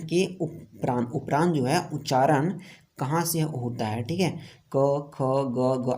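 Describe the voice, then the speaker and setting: A man with a mellow, soft-edged voice and a Jharkhand accent teaches an exam-prep lesson. He works through quiz questions in order, asks each one aloud and answers it himself in a steady, explaining way. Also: fairly high pitch. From India. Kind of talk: online lesson going over quiz answers.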